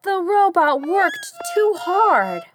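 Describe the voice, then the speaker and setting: A woman voicing a tired, overworked robot in a children's story, speaking slowly and stiffly. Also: very high-pitched, sing-song, noisy background, voice pushed up, full character voice. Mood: weary.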